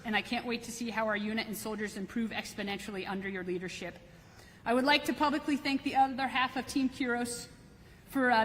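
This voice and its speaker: Woman, brisk formal podium speech, military leader, slightly high voice, reverberant hall, faint noise. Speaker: military leader giving welcome remarks at ceremony.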